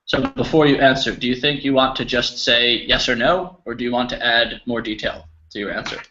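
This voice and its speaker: A man from New Jersey teaches an online English class over a video call, giving friendly, encouraging explanations to his students. His medium-pitched voice is a little fast, pushed and bright. The slightly dull call audio carries a little hiss or hum.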